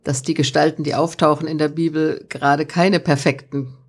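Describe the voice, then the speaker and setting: A woman's voice: sits low, steady tone, normal speed, husky. A woman talking earnestly as an interview guest, telling stories with frequent fillers. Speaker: guest, author of children's Bible stories. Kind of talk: conversational interview.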